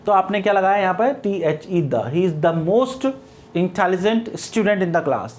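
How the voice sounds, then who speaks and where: A man's voice: high voice, slow pace. A middle-aged man with an Indian accent teaching English grammar, explaining step by step and answering his own questions. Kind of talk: classroom grammar lecture.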